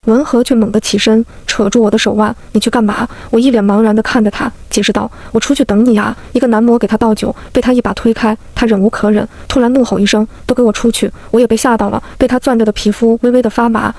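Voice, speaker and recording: A woman narrating a first-person romance web novel aloud, lively and voicing each character. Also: a little high, fast, hardly any pauses, dry recording. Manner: lively storytelling, plays all the characters.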